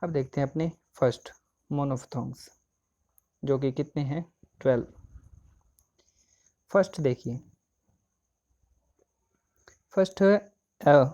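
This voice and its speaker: A man's voice: mid-range voice, unhurried, long pauses, mellow, lo-fi sound. A man teaching an exam coaching lesson, asking questions and answering them himself. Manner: asks and answers own questions.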